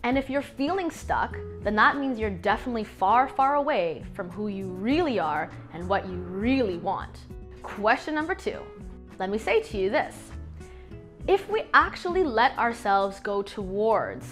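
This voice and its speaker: A young woman gives a motivational coaching talk in a voice of middling pitch. She leans hard on key words and slips into drawn-out musing pauses, and soft music runs faintly underneath. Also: animated. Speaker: host.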